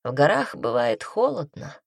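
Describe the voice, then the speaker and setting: Smug fanged king, purring and slow, very low pitch, read by a woman. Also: big pitch swings, gravelly, slightly rough, no echo, clean studio sound, full character voice. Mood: commanding. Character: smug seductive male king, fanged, commanding.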